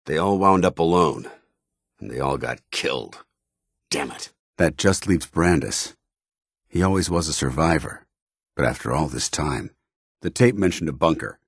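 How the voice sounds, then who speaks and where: Paladin Danse, gruff, deep-voiced military man. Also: lively intonation, moderate pace, no room sound, clean studio sound, full character voice. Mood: somber, regretful. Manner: commanding, clipped, formal military phrasing. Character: stern, loyal military paladin soldier, gruff and duty-bound. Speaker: military companion character. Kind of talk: video game voice acting.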